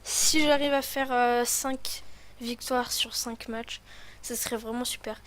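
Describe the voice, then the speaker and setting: High-voiced woman with a lisp. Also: fairly even intonation, a little slow, fairly bright tone. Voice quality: lisp on s sounds. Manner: rambling, thinking aloud while playing. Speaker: gaming video host. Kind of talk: casual gameplay commentary.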